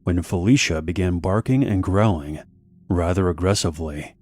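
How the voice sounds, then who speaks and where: Male horror narrator, very deep voice, measured and steady delivery. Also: soft background music. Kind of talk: scripted horror story narration.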